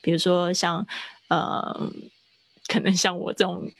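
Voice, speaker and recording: A woman in her thirties teaching English in a chatty livestreamed lesson, explaining step by step and slowing down to sound out words. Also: lowish voice, level tone, vocal fry, a little hiss or hum.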